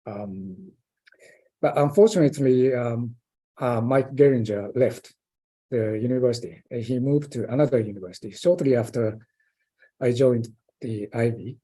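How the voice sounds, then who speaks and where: Older Japanese-accented professor, interviewee; halting delivery, slightly husky tone. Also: male voice, mid-range voice, warm tone. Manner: hesitant, many fillers and restarts. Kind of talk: conversational interview.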